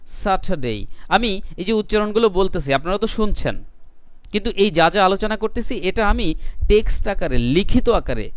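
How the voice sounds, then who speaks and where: Higher-voiced male teacher, dry and clear. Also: dry recording. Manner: repeats words slowly to model pronunciation; mixes English phrases into Bengali explanation. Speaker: English pronunciation teacher. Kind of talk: online lesson.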